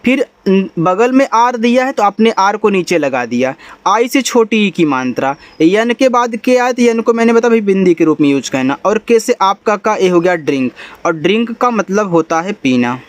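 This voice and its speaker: A man's voice: high voice, animated, moderate pace. A young adult man teaching a lesson step by step, patiently repeating points and checking in with his listeners. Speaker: English teacher.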